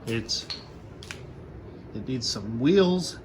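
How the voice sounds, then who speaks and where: A man vlogging about building his hot rod, talking in a relaxed, rambling way with fillers, recorded on a camera mic outdoors and in a garage. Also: medium pitch, extremely slow. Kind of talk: casual shop vlog. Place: outdoors in wind and in a garage shop. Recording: noisy outdoor wind and traffic.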